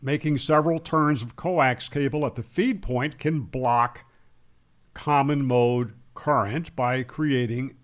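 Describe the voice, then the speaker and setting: A man with a medium-pitched voice teaches ham radio at a slow pace. The tutorial is emphatic and didactic, as he asks questions and then explains the answers.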